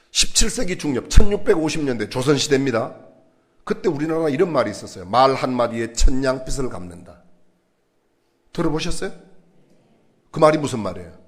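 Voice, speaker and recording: A man preaching a sermon in a church, animated and asking the congregation questions. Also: fairly high pitch. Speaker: pastor.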